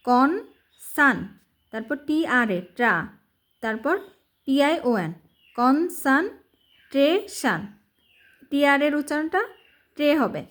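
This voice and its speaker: A woman tutoring English reading, spelling each word letter by letter and asking herself how it is pronounced before answering. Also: high-pitched. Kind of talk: spelling and sounding out words for a lesson.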